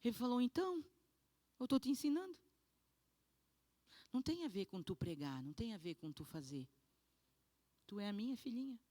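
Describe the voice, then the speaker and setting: A woman quoting a gentle fatherly God. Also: fairly high pitch, very animated, moderate pace, pauses often, no room sound. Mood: tender. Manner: soft, tender, quieter. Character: gentle fatherly God speaking to his daughter.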